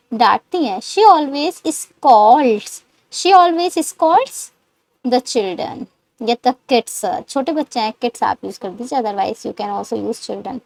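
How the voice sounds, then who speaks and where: A woman teaching English words, explaining in Hindi and modelling slow English sentences for learners to repeat. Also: high-pitched, a little mellow, dry recording. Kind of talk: spoken English lesson.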